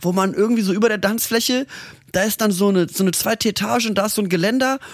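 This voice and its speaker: A man co-hosting a podcast, telling rambling, animated stories in casual chat and laughing often. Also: high voice, quick pace. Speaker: podcast co-host.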